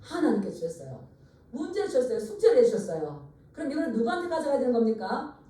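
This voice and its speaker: This pastor's voice is a little high, sing-song, and warm, moving at a quick pace. She delivers an earnest sermon in a church sanctuary, having the congregation repeat phrases back, and the sound is distant and echoey.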